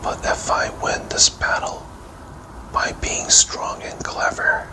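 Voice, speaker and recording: A man voicing a boastful giant warrior in a breathy whispered role-play for a children's bedtime story. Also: slow, lightly acted. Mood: boastful challenge. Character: boastful giant male warrior challenging an army.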